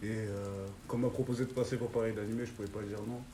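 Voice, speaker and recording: A man's voice: fairly low pitch, level tone, fast, dark tone, roomy sound, slight background noise. A young man, a guest, telling an anime story in slangy casual chat, forever checking in with the listener. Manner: slangy storytelling with constant "tu vois".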